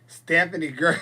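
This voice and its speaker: A livestream host in his forties chats casually and reads out viewer comments, answering them bluntly and with some sass. His voice is fairly high-pitched, bright and husky, with a forceful tone.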